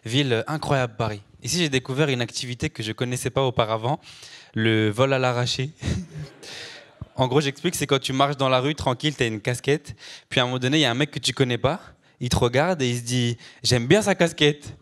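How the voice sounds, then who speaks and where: A man's voice: mid-range voice, steady tone, brisk, a bit bright. Laid-back male stand-up storyteller. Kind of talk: stand-up comedy.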